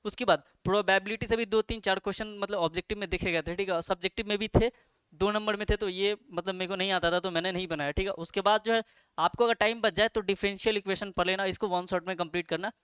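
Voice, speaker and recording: A man's voice: high-pitched, steady tone, fast, fairly bright tone, clear, resonant tone, dry recording. A young man giving exam study advice to students in a casual, chatty way, with many fillers and self-corrections. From India. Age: young adult. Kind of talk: casual study-plan talk to camera.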